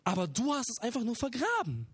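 Brief: male preacher doing an angry lord scolding a servant, high-pitched, dry. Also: wildly swooping pitch, brisk, a bit bright, husky, dry recording, heavily acted.

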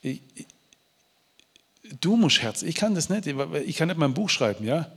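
A man's voice: fairly high pitch, big pitch swings, moderate pace, creaky, a bit bright, slightly rough. Heartfelt male preacher in a reverberant hall. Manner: heartfelt, pleading, with frequent restarts and stammered repeats. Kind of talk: emotional testimony and preaching.

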